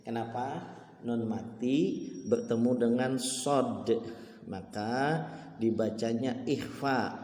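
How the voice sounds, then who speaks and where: A male teacher giving a religious lesson to children, explaining calmly and chanting verses slowly and loudly. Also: mid-range voice. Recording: echoey room with long reverb.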